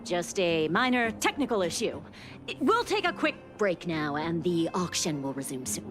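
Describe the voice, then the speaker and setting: An actress voicing a brisk, formal female auctioneer in a video game, announcing items and calling out bids. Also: on the low side, very animated, over music. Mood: reassuring.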